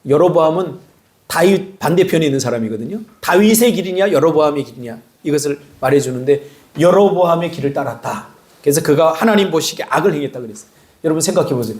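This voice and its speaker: High-voiced man preaching with animation. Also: fast talker. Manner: animated preaching, teasing congregation members by name. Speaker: pastor. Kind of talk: sermon. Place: church sanctuary.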